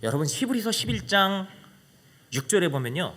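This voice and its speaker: Preaching at a moderate pace in a high, sing-song voice, a man acting as pastor relates a personal story with drama. He questions the congregation and shifts between loud exclamations and quiet whispers.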